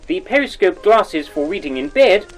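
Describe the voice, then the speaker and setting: A man's voice: sits high, big pitch swings, moderate pace, faint music behind, rough recording. A man playing a pompous, lecherous male radio presenter from the 1940s, in a plummy old-time radio style.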